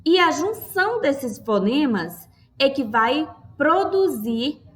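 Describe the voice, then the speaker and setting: Female teacher, fairly high voice, unhurried and clearly spelled out for a class. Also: big pitch swings. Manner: slow, clear, stressing each word; checks in with the class. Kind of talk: classroom lesson.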